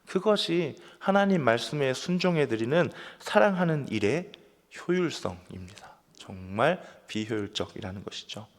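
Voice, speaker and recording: A man's voice: mid-range voice, lively intonation, moderate pace. Earnest preaching man in a reverberant church. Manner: earnest, asks listeners questions, builds to emphatic peaks. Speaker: pastor. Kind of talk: sermon. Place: church sanctuary. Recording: long church hall reverb.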